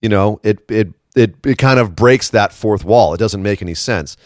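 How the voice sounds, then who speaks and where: A man hosts a casual wrestling commentary podcast in a froggy, slightly hoarse morning voice, tired after a late shift. His voice is on the low side at normal speed, casual yet emphatic. The sound is close and dry with no echo.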